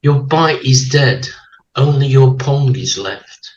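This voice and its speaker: A man's voice: medium pitch, slow pace, dull audio, close to an everyday voice. A man playing a relentless, bullying interrogator in a play reading, hard and accusatory like a tough cop. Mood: cold menace. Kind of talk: amateur dramatic play reading. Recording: clearly noisy recording with clicks.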